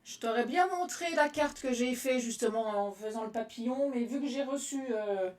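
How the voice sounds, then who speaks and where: A woman from France demonstrating card-making on a live stream, chatting with viewers by name between steps in a relaxed way. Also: on the high side, moderate pace. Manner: chatty and relaxed, answers live comments by name, laughs often. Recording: roomy echo, voice from a distance.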